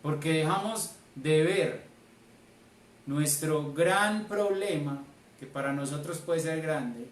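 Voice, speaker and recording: A Colombian church elder preaches a sermon emphatically, repeating key phrases in a voice on the high side and taking it slowly. The recording sounds roomy, with a distant mic and faint noise.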